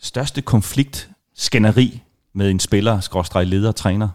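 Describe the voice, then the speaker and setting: Low-voiced guy hosting, keeps tossing out quick questions. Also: darkish tone. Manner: short prompting questions. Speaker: podcast host and interviewer. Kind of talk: casual interview questions.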